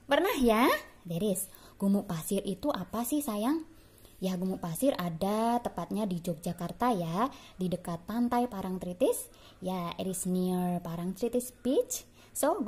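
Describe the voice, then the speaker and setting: A primary school English teacher with an Indonesian accent gives a bilingual lesson to young pupils, repeating words for them to copy. She is affectionate and calls them "dear." Her mid-range voice is a little mellow and slightly rough.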